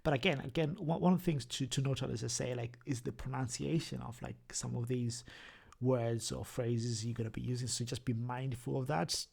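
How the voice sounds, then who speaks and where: With a thick Zimbabwean accent, a young man runs a casual screen-share tutorial as a YouTuber, his medium-pitched voice steady, a little mellow, with vocal fry and a breathy edge. His delivery halts, full of repeated words and restarts.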